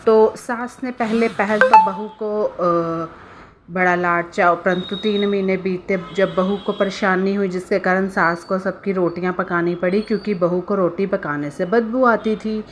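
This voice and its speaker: A woman storyteller at a mid pitch, telling a family tale in an easygoing, chatty way. She stops often to give her own opinionated moral views, with hesitant fillers. Faint noise sits under her voice. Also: fairly even intonation, unhurried. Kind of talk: casual spoken storytelling with moral commentary.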